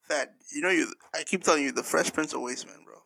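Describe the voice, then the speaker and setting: A man's voice: on the high side, quick pace, vocal fry, bright, forceful tone, slightly rough, no echo, rough recording. A man, joking and teasing in slangy casual banter as a podcast co-host.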